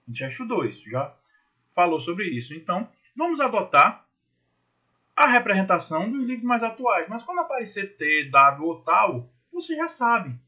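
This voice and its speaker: A man's voice: high voice, sharp tone, lo-fi sound. A man teaching a physics class in Brazilian Portuguese, chatty and jokey, repeating key points and voicing students' questions himself. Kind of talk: recorded online class.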